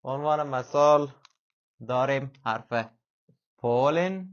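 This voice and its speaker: Patient male teacher. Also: mid-range voice. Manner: patient, repeats example words slowly several times. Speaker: German language teacher. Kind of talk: classroom-style language lesson. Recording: slightly dull lo-fi sound.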